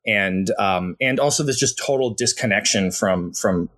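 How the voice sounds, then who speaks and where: A man's voice: lowish voice, normal speed, a bit bright. A young adult man talking casually about his own life, rambling and restarting his sentences, with lots of fillers. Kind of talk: casual conversation.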